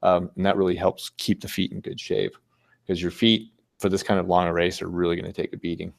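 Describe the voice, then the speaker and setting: Easygoing man telling a story, fairly low voice. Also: level tone, a little fast, vocal fry, dry recording. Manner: easygoing, rambling, chuckles often. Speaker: speaker giving a talk. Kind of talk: casual storytelling presentation with slides.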